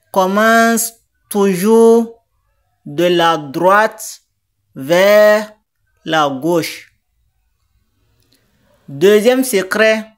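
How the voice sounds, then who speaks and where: A woman teaching a reading lesson, spelling out letters and sounds one by one in a deliberate, patient way. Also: mid-range voice. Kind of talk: slow step-by-step lesson. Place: teaching centre.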